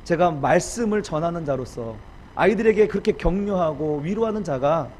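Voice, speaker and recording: A man preaching a sermon as pastor, emotional and at times rising to loud pleading. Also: on the high side, expressive, moderate pace, a little hiss or hum, poor audio.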